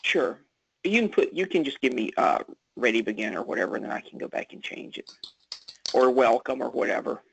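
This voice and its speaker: A man taking part in an online meeting, giving brief, casual replies and asking quick questions. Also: mid-range voice, very animated, gravelly, husky, poor audio. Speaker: meeting participant. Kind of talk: casual call chat.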